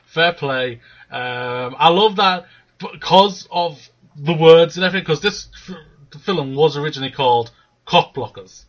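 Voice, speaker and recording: A man co-hosting a casual movie news chat, animated and swearing freely. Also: on the high side, normal speed, muffled recording. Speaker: podcast co-host.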